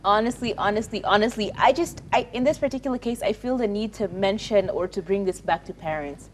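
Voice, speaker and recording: Casting: female talk show panelist, Kenyan accent, average pitch, earnest, emphatic, conversational. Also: a little fast, a little hiss or hum. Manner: earnest and emphatic, repeating words and phrases. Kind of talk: conversational personal commentary.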